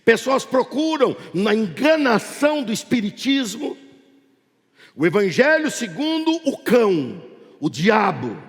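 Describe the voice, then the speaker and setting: High-voiced pastor in echoing church. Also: male voice, very animated, measured pace. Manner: impassioned, asks rhetorical questions. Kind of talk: sermon. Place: church sanctuary. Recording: long church hall reverb.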